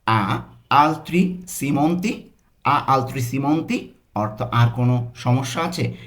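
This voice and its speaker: A man with a Bangladeshi accent teaching a language lesson, saying example phrases slowly and breaking them into parts. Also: medium pitch. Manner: slow, drawn-out pronunciation of example phrases.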